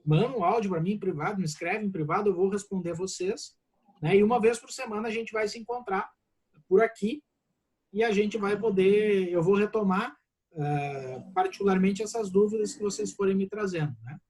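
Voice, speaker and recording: A Brazilian law professor talks with his students over a video call during an online class Q&A. He reassures them warmly and casually, dropping "né?" into his Brazilian Portuguese again and again. His high voice is a little fast and breathy, and he sounds slightly congested.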